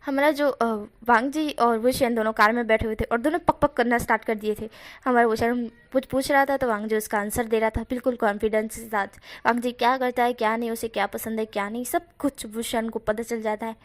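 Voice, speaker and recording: A woman with a high voice narrating a fan story in a relaxed, chatty manner. She stumbles and corrects herself now and then as she goes. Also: brisk. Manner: chatty, with slips and self-corrections. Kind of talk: casual fan-story retelling.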